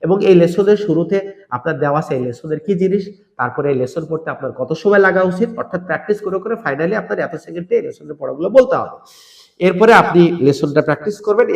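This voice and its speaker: Fast, lively male Quran teacher. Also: a little high, creaky, roomy sound. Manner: energetic, asks and answers his own questions. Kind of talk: recorded lesson with spoken drills.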